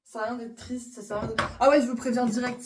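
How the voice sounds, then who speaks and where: A young woman of twenty-one talks casually to camera in a slightly high voice, rambling with fillers and dropping in English phrases. She sounds a little way off from the mic, in a roomy space with an echo. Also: steady tone, fast talker, far from the mic, noisy background. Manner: chatty, rambling, many fillers, mixes in English. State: tearful after crying. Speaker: vlogger. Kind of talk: casual vlog chat.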